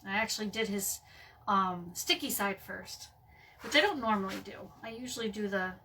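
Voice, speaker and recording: A woman's voice: mid-range voice, normal speed, pushed and bright, far from the mic, slight background noise. A woman chatting through a casual craft tutorial at home, with lots of fillers and frequent "okay?" check-ins, saying she is losing her voice. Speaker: craft vlogger.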